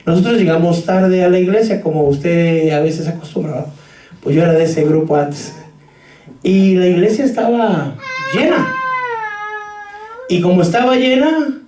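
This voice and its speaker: A man's voice: high voice, mellow, a little hiss or hum. A man preaching a sermon as pastor, telling stories and speaking straight to the congregation. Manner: storytelling, addressing the congregation directly. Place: church hall. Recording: roomy echo, voice from far off.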